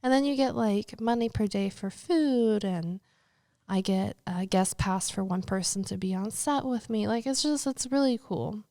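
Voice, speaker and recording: A woman's voice: mid-range voice, moderate pace, warm tone, dry recording, clean studio sound. A woman who is a guest on a casual interview podcast, chatty and profane, and she laughs easily.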